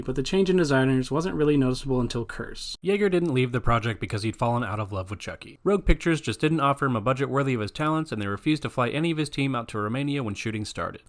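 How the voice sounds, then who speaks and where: A man narrating a scripted video essay about film history in a wry, informal way. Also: medium pitch. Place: voice-over recorded off screen.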